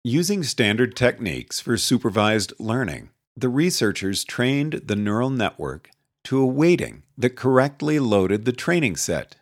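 A man narrating an essay as an audiobook reader, measured and dry with wry asides. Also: mid-range voice, big pitch swings, dry recording.

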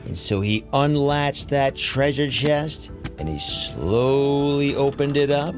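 A man narrating an adventure story for children in an expressive, dramatic way. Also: medium pitch, slow, soft background music.

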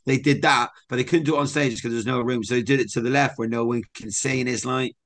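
A man's voice: medium pitch, fast talker. A young man from England, co-hosting a podcast and telling stories in a chatty, upbeat way. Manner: chatty storyteller, lively and upbeat. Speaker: podcast co-host. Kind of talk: casual chat.

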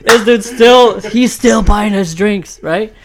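A man telling a story in casual podcast chat, animated, laughing often and acting out what people said. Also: high voice, slow pace, a loud crowd. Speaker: show regular telling a story.

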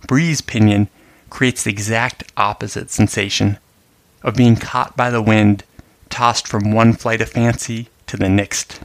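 A male host reads a sonnet aloud in a measured, careful way, then talks through its meter and imagery as literary commentary. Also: on the low side, no room sound. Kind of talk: poetry reading and literary commentary.

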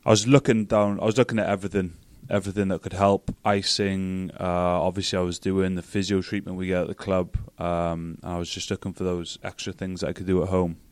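A young man with a Welsh accent talks as a podcast guest, his voice very low and kept almost level. He tells his story in a relaxed way, full of fillers, and the sound is close and dry, with no room around it. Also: brisk, few pauses, no echo. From Wales. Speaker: guest, rugby player. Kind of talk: casual podcast chat.

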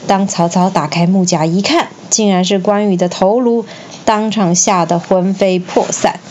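Brief: woman storyteller, mid-pitched, clear expressive read-aloud for kids, dull recording with faint hiss. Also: moderate pace. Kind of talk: children's story narration.

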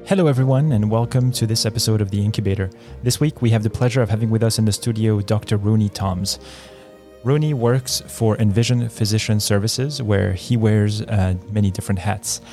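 Low-voiced male podcast host. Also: fairly quick, warm tone, soft background music. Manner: friendly, introduces guests, some fillers. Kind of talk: podcast interview.

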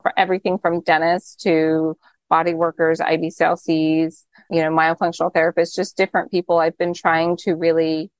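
A woman with a somewhat low voice hosts a relaxed interview, talking enthusiastically and thinking aloud as she goes. The sound is dry and close, with no room around it. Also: moderate pace, no echo. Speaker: podcast host. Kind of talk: conversational interview.

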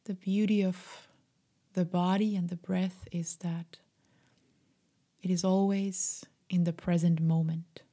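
Soft, slow, half-whispering woman guiding meditation. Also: fairly low pitch, level tone. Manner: gentle, soothing, unhurried. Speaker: meditation guide.

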